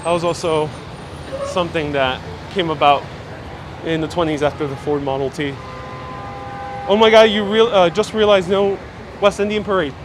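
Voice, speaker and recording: A man with a fairly high voice talks through a mask, so he sounds a little muffled. He guides a live walking tour in a chatty, polite way, replying to viewers as he goes. Light street noise and traffic sit behind him outdoors. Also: normal speed, pauses often. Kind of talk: casual live commentary, answering viewer comments. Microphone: clip-on mic worn on the body. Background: street ambience, passing vehicles.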